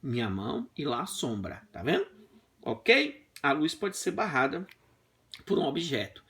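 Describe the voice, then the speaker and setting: A man teaching a physics class in a classroom, explaining with playful, animated stories. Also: a little high, measured pace. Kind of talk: lively classroom lesson with comic anecdotes. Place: classroom with a whiteboard.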